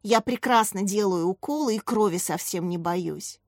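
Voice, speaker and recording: A woman's voice: mid-range voice, normal speed, darkish tone, no room sound, studio quality, close to an everyday voice. A woman voicing a glum young female student who speaks in a subdued, sighing way.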